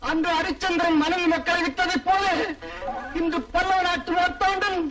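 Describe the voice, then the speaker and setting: A man's voice: very high voice, little pitch movement, normal speed, a bit bright, rough recording. An actor playing an older man, a fallen royal who speaks in grand, archaic lines and weeps over his lost glory, in a dubbed film. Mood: grieving grandly. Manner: pompous, archaic speech. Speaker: father.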